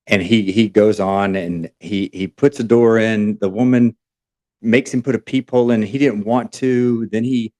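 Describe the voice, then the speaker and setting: Podcast co-host, male, low-ish voice, animated storyteller. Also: unhurried. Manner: animated retelling with acted quotes.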